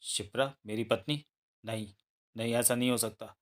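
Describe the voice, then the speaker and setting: A man's voice: mid-range voice, normal speed, close to an everyday voice. A man voicing a confused young husband who claims to be another man, in a read-aloud thriller novel. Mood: bewildered. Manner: bewildered then calm and explaining.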